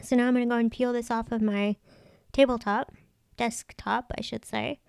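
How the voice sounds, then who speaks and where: Female craft vlogger, smooth and slightly high voice, chatty casual tutorial narration, close dry sound. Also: steady tone, normal speed, darkish tone, dry recording. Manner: chatty, thinking aloud. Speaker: craft vlog host.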